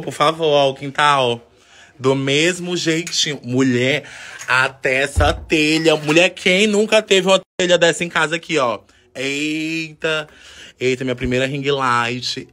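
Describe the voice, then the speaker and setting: A man's voice: medium pitch, a bit bright. A man, chatting playfully in a casual vlog with camp, exclamatory teasing. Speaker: vlogger.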